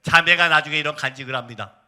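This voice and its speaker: A man's voice: a little high, fast talker, sharp tone. A male missionary preaching a fervent sermon, telling a story and urging the congregation to pray.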